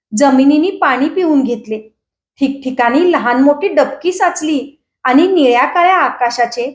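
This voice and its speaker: A woman reads a novel aloud in a fairly high voice, telling the story at a steady, measured pace. Her voice rings around an echoey room. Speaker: audiobook reader.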